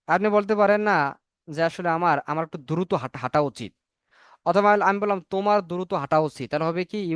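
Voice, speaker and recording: A man with a high, smooth voice teaches an online English class in Bengali. He keeps asking questions and answering them himself, and spells words out letter by letter. The sound is dry and close, over a computer mic. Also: no room sound. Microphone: computer mic on a video call.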